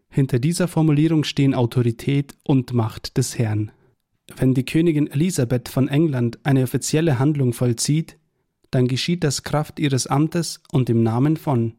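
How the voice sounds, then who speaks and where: In a medium-pitched, mellow voice, a man reads a devotional Bible tract aloud, measured and earnest, quoting scripture verses.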